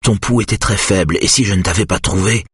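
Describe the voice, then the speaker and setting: A man's voice: quick pace, a bit bright, slightly rough, no room sound, clean studio sound. Man playing a shaken husband holding it together. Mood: tense. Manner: low, tense and controlled. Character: shaken husband trying to stay calm.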